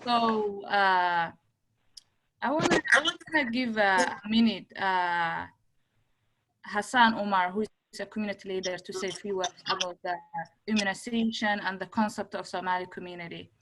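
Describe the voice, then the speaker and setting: Woman moderator, halting, introduces speakers on a hissy video call. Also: mid-range voice. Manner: halting, many uh fillers. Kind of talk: hosting a round table on a video call.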